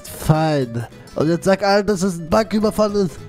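A man's voice: high-pitched, lively intonation, moderate pace, a little mellow, faint music behind. A man voicing a male god of love who gives solemn commands to another player in a game role-play. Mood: commanding.

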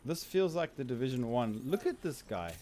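A Zimbabwean man commentates his game live in a relaxed, excitable way, laughing and tossing out "bro" to his viewers. His voice sits at an ordinary middle pitch for a man, with faint noise in the background. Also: moderate pace. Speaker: streamer.

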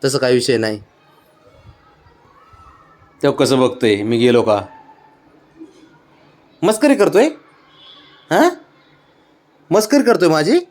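A man's voice: medium pitch, expressive, slow, pauses often, darkish tone. A man chatting to his pet cat in a coaxing, teasing way, repeating questions and chuckling often. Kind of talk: casual baby-talk to a pet.

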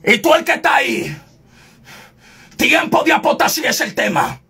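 A man preaching a fiery sermon as an evangelist, shouting insistently and confrontationally, at times breaking into tongues. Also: very high voice, sing-song, normal speed.

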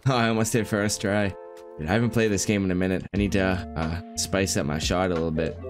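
A gaming YouTuber in his twenties chats with a friend over gameplay from a small room at home, his low voice stuffed-up and nasal from a cold. He speaks fast in a steady tone, sounding upbeat and hyped, with soft music in the background.

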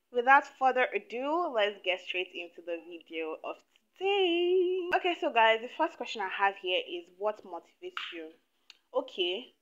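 A woman of twenty from Nigeria chatting to camera in a get-to-know-me video, animated and talkative, recorded indoors on a lapel mic. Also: mid-range voice, dull audio. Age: 20s. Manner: chatty, animated, laughs often. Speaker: YouTuber. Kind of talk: casual chat to camera. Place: small indoor room.

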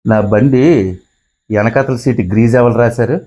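A man's voice: mid-range voice, fairly even intonation, normal speed. A middle-aged man playing a husband in a scripted comedy sketch, scolding his wife and grumbling to himself. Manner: shouting and scolding, then muttering to himself.

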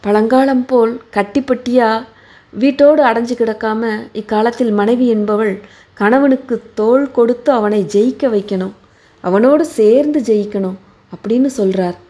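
A woman voicing a soft-spoken young wife who earnestly explains herself. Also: a little high, normal speed, lightly acted.

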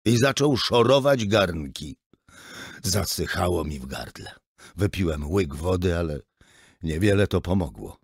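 Deep husky man reading an audiobook. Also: unhurried. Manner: expressive, acts out the dialogue. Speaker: audiobook narrator. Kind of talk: first-person audiobook narration.

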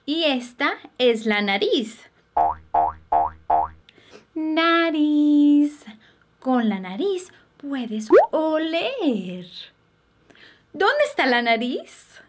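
Slow sing-song woman teaching babies. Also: sits high, sing-song. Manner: bouncy, exaggerated, giggly baby talk with playful animal sounds. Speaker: children's Spanish teacher.

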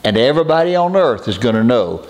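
A man voicing the young shepherd boy David, high, incredulous and defiant. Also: big pitch swings, quick pace, a little mellow, poor audio.

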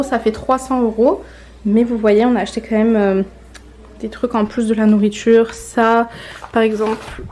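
A woman's voice: fairly high pitch, darkish tone, a little hiss or hum. A woman in her twenties from France, chatting casually to viewers while showing a grocery haul at home. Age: 20s. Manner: chatty, addresses viewers directly. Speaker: vlogger. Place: indoor home room, off camera.

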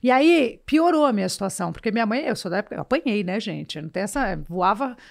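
A woman's voice: medium pitch, lively intonation, quick pace, gravelly. A woman in her fifties from Brazil with a São Paulo accent, a guest telling stories frankly and with animation in a casual podcast interview. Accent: São Paulo Portuguese.

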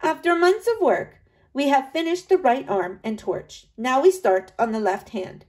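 A woman reads a storybook in a steady, descriptive way, voicing a diligent, observant woman who assists in a sculptor's workshop. Her voice is high and she speaks a little slow.

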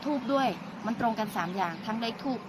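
A middle-aged woman telling her stories in casual chat, animated as she goes. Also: fairly high pitch, fast, noisy background. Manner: animated storytelling. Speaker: interviewee.

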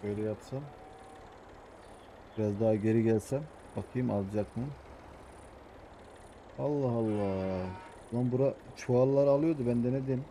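A man with a Samsun accent, an adult with young kids, giving hushed, muttering commentary over a farming game, as his channel's host. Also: mid-range voice, normal speed, long pauses, slight background noise. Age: adult with young children. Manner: talks quietly, mutters to himself. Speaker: gaming YouTuber.

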